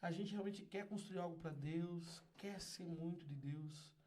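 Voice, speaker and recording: Telling stories on a podcast, a Brazilian man with a Brazilian Portuguese accent, a community founder, laughs a lot and exuberantly acts out voices at full volume. His voice is a little high and his pace measured, with a little hiss or hum audible.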